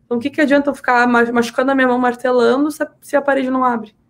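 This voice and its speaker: A woman with a southern Brazilian accent chats casually as a podcast guest, telling animated personal stories and repeating words for emphasis. Her voice is high-pitched and very fast, yet her delivery is flat.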